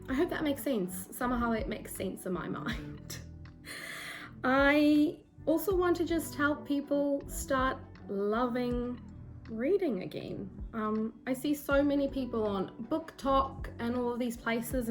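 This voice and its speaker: Speaking slowly in a fairly high voice, a young South African book vlogger, Afrikaans her first language, chats to camera in a casual, self-deprecating way full of ums. She has a South African accent, and a phone or camera mic at her desk picks up faint music behind her.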